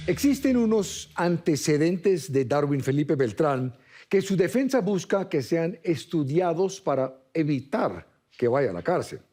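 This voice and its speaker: A man's voice: fairly high pitch, sing-song, a little slow, warm tone. A man with a Colombian accent presenting news with emphatic intonation. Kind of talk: scripted news reading.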